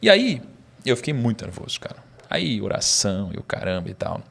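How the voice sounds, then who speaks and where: A man with a Brazilian Portuguese accent is a guest on a podcast, sharing a personal story in a casual chat. His voice is lowish, husky and slightly fast, with vocal fry, and he's animated, using slang and breaking into bursts of laughter.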